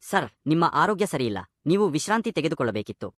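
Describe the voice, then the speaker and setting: A man's voice: fairly high pitch, sing-song, fast, fairly bright tone, no echo, studio quality. A man voicing a dutiful male secretary who speaks respectfully and anxiously. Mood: worried. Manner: respectful and worried.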